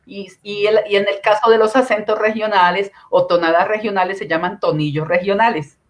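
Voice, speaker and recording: A woman's voice: mid-range voice, steady tone, fairly quick. A woman with a Colombian accent, a communication consultant giving instructive explanations with examples during an online panel talk. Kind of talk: panel talk on video call.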